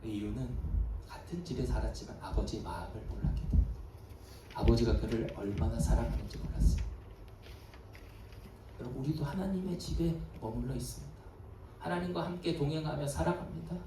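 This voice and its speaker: A male pastor preaching a sermon, telling a story dramatically and swinging from soft, hushed lows to emphatic peaks, recorded at a service in a large church hall. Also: animated, a little fast, recorded from a distance, background noise. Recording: echoey hall, voice from afar.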